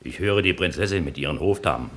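A blind, bitter wounded soldier speaks with gruff, blunt contempt. His voice is very deep. He sounds like a figure from an old-style radio play. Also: expressive, quick pace, a crowd in the background. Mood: scornful.

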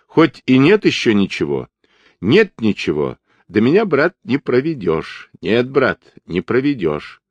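A man voicing a cocky curly-haired young male partisan who mumbles gossip in a quick patter, in an audiobook. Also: huge pitch swings, dry recording, dull audio. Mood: sly gossiping. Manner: mumbling patter, rising to shrill shouts.

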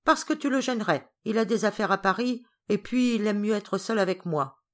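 A woman voicing an excitable, somewhat spoiled young boy in an audiobook, raising her voice. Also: mid-range voice, moderate pace, voice pushed up, lightly acted. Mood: eager.

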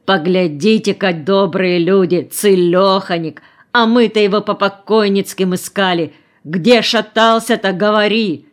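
A woman's voice: mid-range voice, measured pace, natural voice. A woman reading an audiobook voices an old peasant nanny, folksy and fussy, lamenting and scolding.

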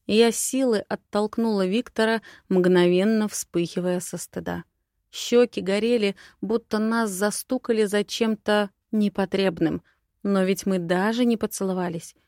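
A woman narrating a first-person romantic fantasy audiobook in an expressive way. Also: medium pitch, a little slow, dry recording, studio quality.

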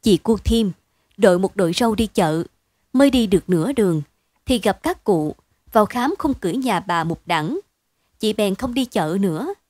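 A woman reading a story aloud in a steady, expressive bedtime storytelling manner. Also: mid-range voice, dry recording. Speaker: narrator.

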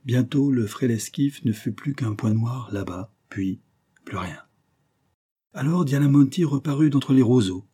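A man narrating a classic adventure novel aloud in a measured, dramatic reading. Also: mid-range voice, warm tone, husky. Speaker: audiobook narrator. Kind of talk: scripted narration.

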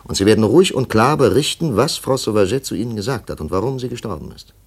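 An actor playing a stern male investigator in a 1950s radio drama, firm and measured as he questions a witness. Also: fairly low pitch, lively intonation, slightly rough.

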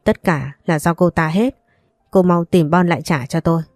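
A woman's voice: lowish voice, moderate pace, darkish tone, no room sound, studio quality, faint music behind, close to an everyday voice. Woman reading as an angry grandmother. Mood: furious. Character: furious grieving grandmother.

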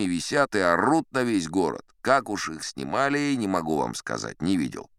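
A man's voice: fairly low pitch, fairly bright tone, clean tone, no room sound, clean studio sound, heavily acted. An actor playing a boastful old sea captain who narrates his tall tales in a chatty, sly way, often turning to the listeners. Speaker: first-person narrator of an audio play. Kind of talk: theatrical storytelling, audio play.

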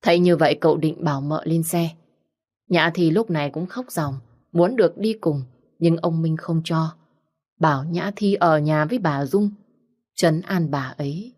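A woman narrating a romance story in a steady storytelling manner. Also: deep voice, normal speed.

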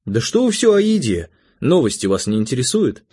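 A man voicing an eager, pouty teenage daughter in an audiobook, raising his voice high and sounding excited and whiny. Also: a little fast, breathy edge. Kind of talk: audiobook character voice.

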